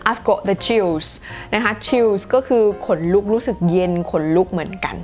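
Giggly, slow-spoken woman teaching English. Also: medium pitch, a little mellow, faint music behind. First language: Thai. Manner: slow, careful model sentences, repeated twice, with frequent giggles. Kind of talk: casual English lesson in Thai.

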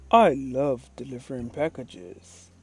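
Woman putting on deep, mellow bear Santa Claus. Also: heavily acted. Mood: musing, eager. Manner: slow, put-on deep storybook voice. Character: big male polar bear Santa Claus, weary, kind. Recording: music behind the voice.

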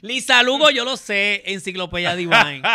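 A man's voice: high-pitched, moderate pace, no room sound. A Puerto Rican man hosting a podcast in a studio, telling stories in a theatrical way and referring to himself in the feminine. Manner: animated and theatrical, speaks of self in the feminine, acts out quotes. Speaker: podcast host. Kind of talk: casual chat, storytelling.

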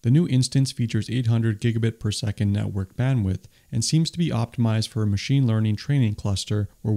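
Recorded separately from the stage pictured, this voice-over comes from a tech video host reading a scripted summary in an enthusiastic, explanatory way. He has a warm, fairly low voice.

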